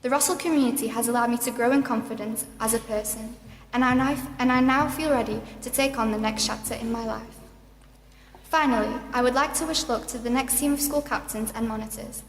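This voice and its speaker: With a voice on the high side, a late-teen deputy school captain from South Africa gives a scripted, measured prize-day address in a large school hall at a ceremony. The space echoes, music plays behind, and there's slight background noise.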